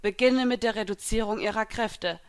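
A woman's voice: on the high side, normal speed, clean tone, close to an everyday voice. A woman reading aloud, voicing a dutiful female spirit who speaks in formal commands. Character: dutiful female scale-bearing spirit, cold servant.

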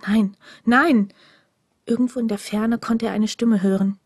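Hushed, breathy woman narrating a story. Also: on the high side, fairly even intonation, brisk, dry recording, clean studio sound. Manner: hushed, often sinking into a whisper. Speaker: audiobook narrator.

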